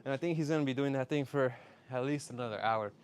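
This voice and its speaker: Fast and mid-range in voice, a man hangs out on a fitness livestream, tossing upbeat, slang-heavy shout-outs to his viewers. The stream audio is clearly noisy and full of clicks.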